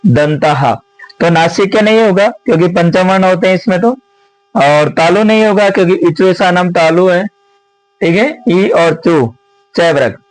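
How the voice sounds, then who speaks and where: Slow, questioning male grammar teacher. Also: high voice, no room sound, rough recording. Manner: slow, repetitive explaining with many rhetorical questions. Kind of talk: exam question walkthrough lesson.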